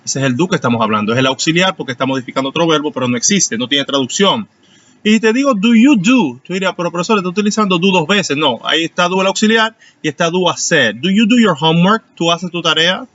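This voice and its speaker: Male teacher, slightly high voice, patient explaining, lo-fi online class audio. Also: animated, fast talker, sharp tone. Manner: explanatory, asks students questions. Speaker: English teacher.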